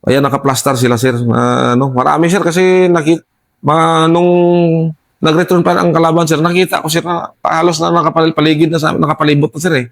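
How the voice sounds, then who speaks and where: Deferential Filipino soldier, halting speech. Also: male voice, a little high, steady tone, creaky, fairly bright tone. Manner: deferential, says "sir" constantly, halting with many restarts. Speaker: soldier telling his combat story. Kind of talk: recounting a war story in an interview.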